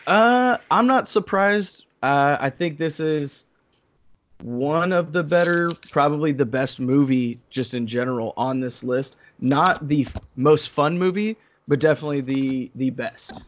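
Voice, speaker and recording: A man's voice: a little high, a little slow, slight background noise. A man hosting a podcast as a mock awards emcee, presenting in a casual, joking way.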